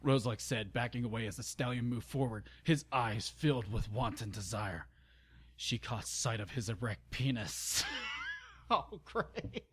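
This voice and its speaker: A man's voice: mid-range voice, moderate pace, breathy edge. A young man giving a dramatic reading of fan fiction, breaking off with groaning, exasperated asides and stumbling over words.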